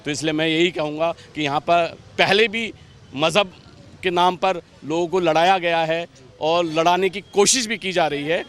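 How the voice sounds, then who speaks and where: A man giving a street interview outdoors, speaking in a measured way and criticising plainly. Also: sits high, fairly bright tone.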